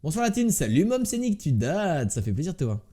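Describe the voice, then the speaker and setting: A man's voice: on the high side, very animated, brisk, mellow. A man with a slight lisp on his s sounds, doing casual live game commentary as a streamer and muttering repeated word guesses to himself.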